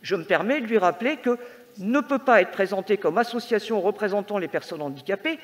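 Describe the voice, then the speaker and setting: In a large, reverberant council chamber, a metropolitan councillor reads out a prepared political speech that is formal and critical. Her mid-range voice is expressive and brisk.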